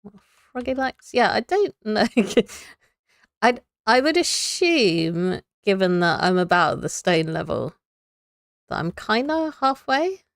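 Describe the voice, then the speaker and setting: A woman's voice: medium pitch, big pitch swings, takes it slowly, dry recording, clean studio sound. A young woman streaming a building game, chatting to viewers and thinking aloud as she builds, laughing often. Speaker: Minecraft streamer. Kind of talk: casual live gameplay chat.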